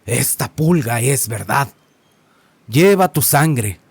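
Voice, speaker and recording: A man voicing a mocking male shapeshifting nahual creature in a spoken horror tale, with a slow, taunting delivery. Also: mid-range voice, animated, gravelly, husky, no echo, full character voice.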